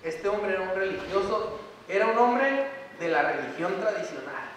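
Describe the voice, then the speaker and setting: An impassioned male preacher, pleading directly with his congregation. His fairly high voice rings through a large church hall with long reverb and is heard from some distance. A faint hum of room noise sits underneath. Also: animated, normal speed, a bit bright. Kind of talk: sermon.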